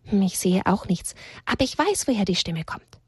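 Woman doing a soft-spoken earnest young farm animal, husky voice, dry sound. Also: mid-range voice, lively intonation, normal speed, no room sound.

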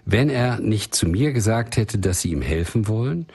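A man's voice: fairly low pitch, lively intonation, normal speed, gravelly, breathy edge, heavily acted. A man reading as a shy, worried wife. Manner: quiet and timid. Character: shy, reserved young wife, worried and timid.

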